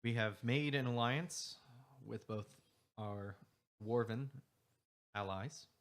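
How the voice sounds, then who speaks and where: A man voicing a gruff, stern older male war leader making a formal, measured speech. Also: fairly low pitch.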